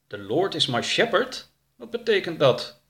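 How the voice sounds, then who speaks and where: A man's voice: high voice, sing-song, moderate pace, fairly bright tone, voice pushed up, full character voice. A man voicing a touchy, sulky talking duck in a storybook reading, sarcastic and indignant. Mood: curious.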